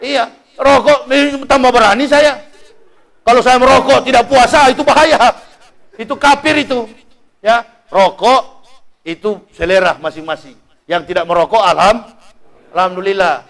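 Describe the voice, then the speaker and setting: A man preaching a humorous sermon, joking and animated, mimicking people and shouting exclamations. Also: high-pitched. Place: mosque.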